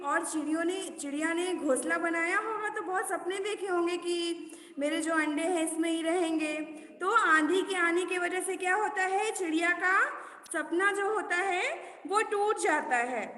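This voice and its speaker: A woman teaching children a poem, asking questions, answering them herself and singing the lines slowly. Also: very high-pitched, a bit bright. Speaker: primary school Hindi teacher. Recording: echoey room with long reverb.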